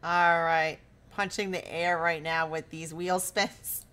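Casting: woman stream host, bright voice, unhurried, chatty and teasing, faint music behind. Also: lowish voice, fairly even intonation. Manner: chatty, teasing, laughs often. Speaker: live-stream host running a card pack battle. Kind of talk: casual live-stream chatter. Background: faint background music.

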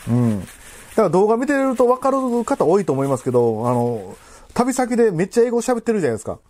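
A man in his thirties with a Kansai accent, chatting casually while eating, in a halting, rambling way with repeated phrases, labored from spicy food. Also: sits high, big pitch swings, darkish tone. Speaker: food vlogger. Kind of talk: casual chat while eating and drinking to camera. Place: living room at home.

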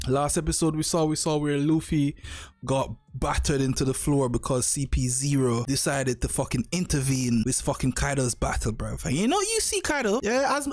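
A man's voice: a little high, expressive, normal speed, a little mellow, soft background music. A young man, giving casual anime reaction commentary full of slang and swearing, often repeating himself.

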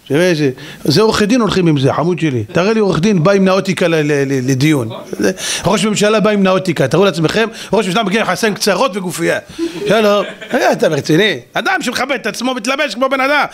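A male rabbi giving a lively sermon. He mocks freely and throws out rhetorical questions. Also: high voice. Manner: animated, mocking, rhetorical questions.

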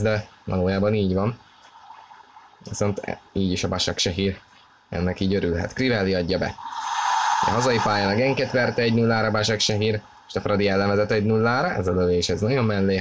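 A man giving excited play-by-play football commentary, often in terse bursts of player names. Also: lowish voice. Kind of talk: play-by-play football commentary over a video game match. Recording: clearly noisy, game stadium ambience behind. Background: video game stadium ambience.

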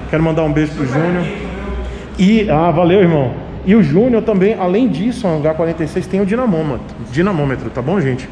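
A man's voice: on the high side, animated, a little fast, dark tone. Upbeat Brazilian man touring a shop. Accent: Brazilian Portuguese. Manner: upbeat, chatty, enthusiastic. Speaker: vlog host. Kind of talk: casual shop tour vlog. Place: motorcycle shop indoors.

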